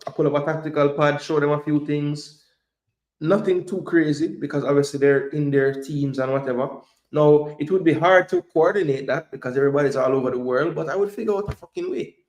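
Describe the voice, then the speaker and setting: A man's voice: a little high, darkish tone. A man hosting a live football analysis stream, talking with passion and driving his points home by repeating them. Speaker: host of a live football show. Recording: echoey room.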